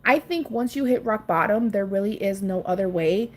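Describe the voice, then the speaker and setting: A woman's voice: mid-range voice, moderate pace, a little hiss or hum. A woman from Cuba hosting a casual late-night livestream from home on her phone, tired and ready for bed, greeting viewers by name and swearing casually as she chats. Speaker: livestream host.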